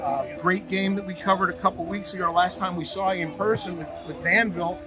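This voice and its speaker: High-voiced man hosting a football show. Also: a little fast, over music, poor audio. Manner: conversational, analytical. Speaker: sports show host. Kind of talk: high school football preview and interview.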